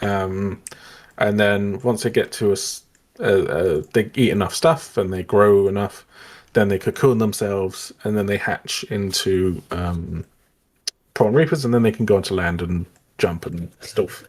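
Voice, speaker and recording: A man's voice: fairly low pitch, a little slow. A man streaming as a game developer, talking casually and hesitantly with many fillers, joking with his co-host. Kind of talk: casual livestream chat.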